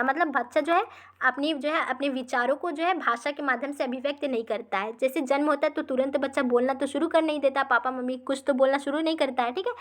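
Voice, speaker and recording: A woman with a high, light voice teaches an exam-practice lesson. She explains slowly and repeats each point, checking in after almost every line.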